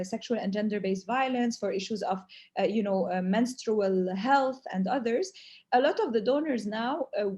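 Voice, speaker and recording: A woman with a fairly high, slightly mellow voice, Arabic being her first language, responds at length to questions as a humanitarian speaker in a webinar. Her phrasing is earnest and hesitant, sprinkled with Arabic fillers.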